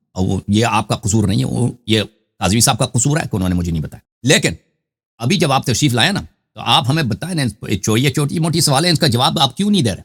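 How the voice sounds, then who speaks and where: Animated, bright-voiced male debate host. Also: medium pitch, vocal fry, husky. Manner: insistent, pressing questions, cuts in. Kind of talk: heated live debate.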